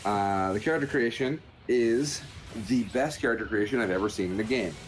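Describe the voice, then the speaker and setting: Faint music plays behind a man with a fairly low voice and brisk delivery. He is a podcast host reviewing a video game, commenting casually over the footage and explaining in a joking, meandering style.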